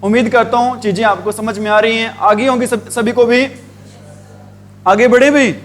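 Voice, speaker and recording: This man's voice is very high, steady, and a bit bright, with a little hiss or hum on the recording. He teaches English grammar in Hindi, repeating questions for the class to answer and stretching out the words he spells.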